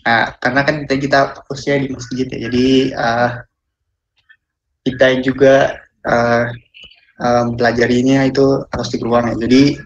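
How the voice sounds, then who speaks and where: A man's voice: medium pitch, moderate pace, pauses often, highs cut off. Young man presenting casually on a call. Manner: relaxed, many fillers and tag "ya". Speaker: student presenter.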